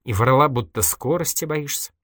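A reader voicing a wisecracking evasive journalist. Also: male voice, mid-range voice, sing-song, moderate pace, fairly bright tone, no room sound, clean studio sound, voice pushed up. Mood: wry. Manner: dodging, mock-innocent, ironic. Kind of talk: audiobook character voice.

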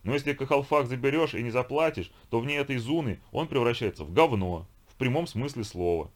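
A man doing a loud, cursing viking brawler. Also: medium pitch, expressive, brisk, voice pushed up, close to an everyday voice. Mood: gruff, exasperated. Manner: loud, cursing, exasperated shouting. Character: huge bearded male viking brawler, hot-tempered.

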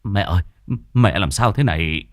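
A man voicing a panicked, short-tempered grown son who snaps and shouts. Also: low voice, lively intonation, normal speed, dry recording, studio quality, pitched below the performer's own voice. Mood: panicked, angry. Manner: abrupt, shouting threats.

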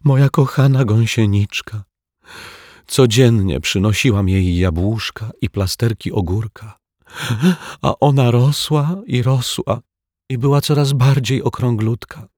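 A man voicing a tearful little girl who sniffles and speaks in a high, plaintive way. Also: measured pace, a little mellow, no room sound, clean studio sound, close to an everyday voice. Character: weepy little girl mourning her caterpillar.

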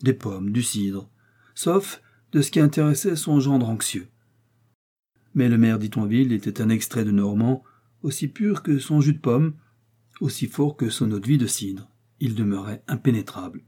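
In a dark, husky voice, a man reads a classic novel aloud. His narration is measured and even, with a plain storytelling tone. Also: medium pitch. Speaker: audiobook narrator. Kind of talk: scripted narration.

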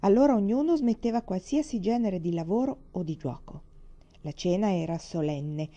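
A woman reading a children's storybook aloud in a calm, measured way. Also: medium pitch. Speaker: reader. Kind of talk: storybook narration. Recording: dull lo-fi recording.

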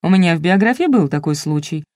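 A woman's voice: fairly low pitch, lively intonation, quick pace, a little mellow, no echo, studio quality. A woman narrating a first-person audiobook in a wry, ironic storytelling manner.

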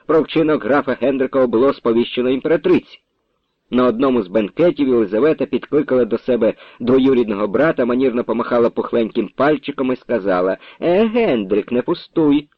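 Male radio storyteller, measured and expressive, muffled and dry sound. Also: mid-range voice, husky, no room sound. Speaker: narrator. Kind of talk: literary story reading for radio. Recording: dull dry radio recording.

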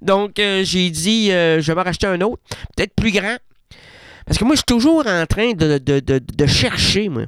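A man's voice: high voice, expressive, moderate pace, smooth, dry recording, studio quality. A man with a Québécois accent, a radio host, delivering a surreal comic monologue in a playful, rambling way full of wordplay and restarts. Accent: Québécois French. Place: radio studio.

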